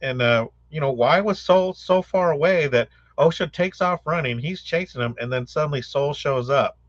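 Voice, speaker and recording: A man's voice: on the high side, normal speed, dry recording, dull audio. A man co-hosting a podcast, raising questions in casual, chatty talk. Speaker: podcast co-host.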